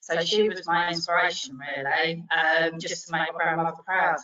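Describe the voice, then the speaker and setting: A woman's voice: low-pitched, steady tone, normal speed, pushed and bright. A Welsh-born woman working as a train driving instructor, answering interview questions with many ums and restarts. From Wales. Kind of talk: interview answers on a video call. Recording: dull lo-fi audio, echoey, distant from mic.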